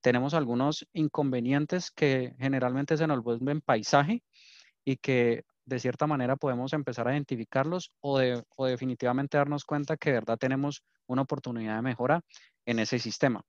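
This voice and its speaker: Speaking a little fast with fairly even intonation, this mid-range male voice carries a Colombian accent from Cali. He's an engineer and trainer running a technical webinar, explaining and often dropping in "¿sí?" check-ins, heard through dry, dull lo-fi meeting audio.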